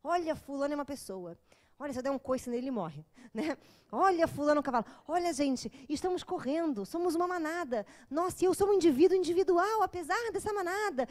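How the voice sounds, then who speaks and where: A woman's voice: sits high, lively intonation, fast talker. A woman voicing a bull that suddenly realizes it is a bull, speaking in awed wonder. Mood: amazed. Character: amazed bull waking up in a running herd.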